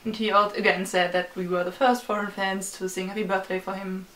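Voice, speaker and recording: A woman's voice: medium pitch, flat delivery, fairly quick, fairly bright tone. A young woman, chatting enthusiastically as a vlog co-host about a concert she attended. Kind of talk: casual chat reviewing a concert. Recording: roomy, distant mic, faint noise.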